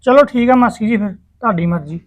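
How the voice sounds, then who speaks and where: A man's voice: sits high, fairly quick. Man playing a worried village husband, hesitant, gives in easily, family drama dialogue. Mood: pleading.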